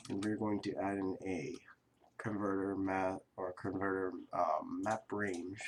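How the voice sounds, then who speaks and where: A man who is sick and coughing, casually talking through a software tutorial at his computer, rambling and correcting himself with fillers. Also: low voice, a little hiss or hum. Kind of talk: casual screen-recorded tutorial.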